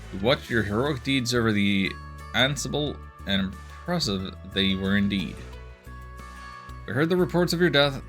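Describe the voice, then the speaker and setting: A man voicing a smooth, flattering male city mayor with a genteel, theatrical manner. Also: lowish voice.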